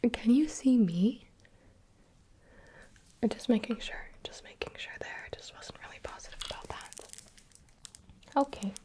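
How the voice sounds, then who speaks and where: A woman whispering softly and patiently as an examiner in an ASMR roleplay, close to the microphone. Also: fairly high pitch, expressive, measured pace, long pauses. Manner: soft unvoiced whispering, patient and coaxing. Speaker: roleplay examiner giving eye and hearing tests. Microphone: close mic, leaning near the ear.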